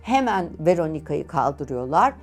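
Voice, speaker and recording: Lively woman telling a true-crime story. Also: low voice, faint music behind. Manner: lively, expressive retelling with dramatic pauses. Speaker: journalist and storyteller host.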